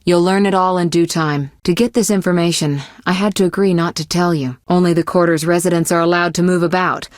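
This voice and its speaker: Voicing a poised young sorceress for a video game, a woman speaks calmly in measured, articulate, gently chiding phrases, her intonation fairly even. The recording is dry, close, and echo-free, her low-side voice natural, and her character feels worldly, caring, teasing, and a bit possessive.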